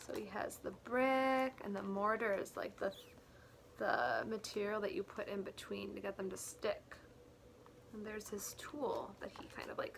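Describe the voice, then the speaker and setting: A woman does a read-aloud of a picture book for young children in a teacher's style, expressive and deliberate, breaking in with plain explanatory asides. Her mid-range voice is somewhat bright and a bit creaky, and faint noise can be heard in the background.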